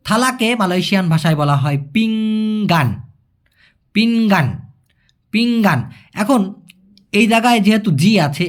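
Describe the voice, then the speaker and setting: A high-pitched man from Bangladesh teaching vocabulary in a patient, step-by-step way. He repeats each new word slowly and keeps checking that his listeners understand. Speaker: language teacher. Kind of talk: spoken language lesson.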